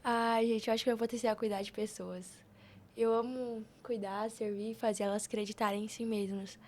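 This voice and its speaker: A young Brazilian woman guests on a podcast, telling personal stories in a casual, informal chat and often acting out snippets of quoted dialogue. Her voice is a little high and darkish, steady and brisk, with slight background noise.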